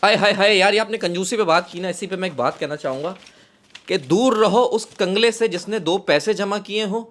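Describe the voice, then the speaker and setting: A man's voice: sits high, a little fast, fairly bright tone. A man with a Karachi Urdu accent hosting a casual comedy podcast, often cutting in with exclamations of praise. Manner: exclaims "kya baat hai" and "haye haye" often. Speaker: podcast host.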